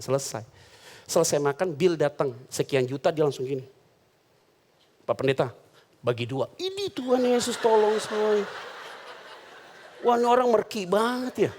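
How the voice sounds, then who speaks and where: A man preaching a humorous sermon as a pastor, telling funny stories and acting out the people in them. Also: mid-range voice. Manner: animated, jokes and voices quoted characters. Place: church hall.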